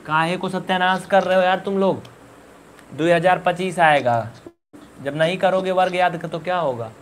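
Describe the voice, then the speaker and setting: A man's voice: sits high, moderate pace, slight background noise. A man teaching a live online maths class, repeating questions and scolding his students. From India.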